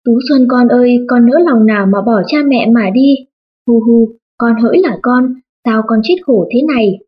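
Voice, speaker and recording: A woman's voice: on the high side, a little fast, breathy edge, lo-fi sound. A woman voicing a frantic mother who pleads and wails for her daughter in a storybook reading. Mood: wailing. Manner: pleading, wailing.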